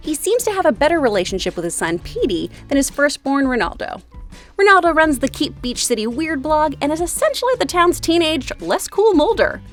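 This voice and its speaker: Texan lady w a twang doing a chatty explainer video, high voice that bounces around a lot, music behind. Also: sing-song, fairly quick. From Texas, USA. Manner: chatty, playful. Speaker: video host. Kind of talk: scripted explainer narration with casual asides.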